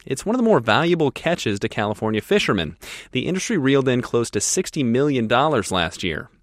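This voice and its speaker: A man's voice: mid-range voice, sing-song, fairly quick, no room sound. A man narrating a scripted radio news report as a reporter.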